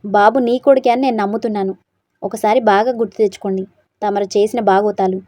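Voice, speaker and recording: A woman's voice: medium pitch, steady tone, fast, warm tone, dry recording, close to an everyday voice. A woman reading a story aloud, voicing a young wife who fiercely accuses her husband and protects a small boy. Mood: accusing. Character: angry young wife defending a little boy.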